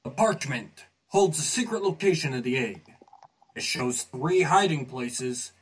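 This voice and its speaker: A man's voice: medium pitch, animated, measured pace, pitched above the performer's own voice. A man voicing a bold, earnest heroic warrior rallying his allies in a children's storybook recording.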